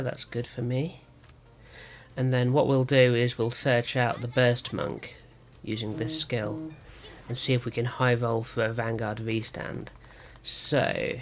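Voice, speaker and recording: A gaming video host with a sore throat provides casual commentary on a card game, thinking out loud. His medium-pitched voice is slightly rough.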